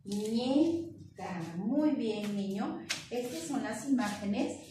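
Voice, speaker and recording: This Peruvian preschool teacher speaks with a Peruvian Spanish accent, and her voice sits on the high side and sounds expressive. Teaching young children remotely, she draws syllables out slowly and encourages them with praise. The audio comes from an echoey room, her voice far from the microphone with a faint hiss.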